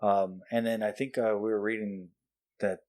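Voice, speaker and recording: Low-voiced joking male podcast host. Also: level tone, moderate pace, darkish tone. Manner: playful, joking. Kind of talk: casual chat.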